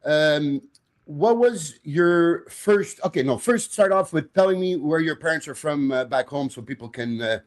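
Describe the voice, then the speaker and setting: A man's voice: fairly high pitch, expressive, unhurried. A man hosting a podcast interview in a casual way, often repeating words as he asks questions. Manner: stammering repeats, laughs along. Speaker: podcast host.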